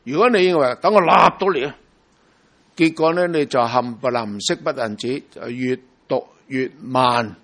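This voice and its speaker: A man's voice: medium pitch, moderate pace, a bit bright. Emphatic Hong Kong Cantonese preacher, man. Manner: emphatic, keeps asking rhetorical questions. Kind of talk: sermon.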